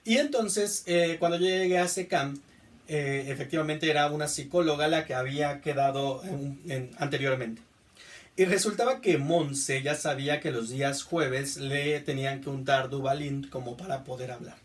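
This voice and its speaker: A male teacher with a Mexican accent giving a classroom lecture, often checking understanding with a quick question. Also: on the high side, distant mic. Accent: Mexican Spanish. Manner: repeats "¿estamos?" to check understanding.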